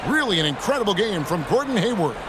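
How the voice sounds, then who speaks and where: A man calling basketball play-by-play for a video game in a crisp, steady commentary style. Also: sits high, fast. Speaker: play-by-play announcer. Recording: heavy background noise.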